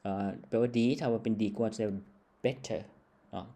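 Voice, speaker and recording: A man's voice: medium pitch, steady tone, moderate pace, mellow. A man from Laos teaching English grammar in a patient lesson style, checking in with a short tag word after nearly every phrase.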